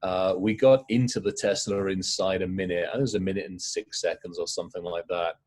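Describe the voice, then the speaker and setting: Man, deep low voice, middle-aged, quick rambling anecdotes, casual interview guest. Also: fairly even intonation, a little mellow. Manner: fast, rambling storytelling.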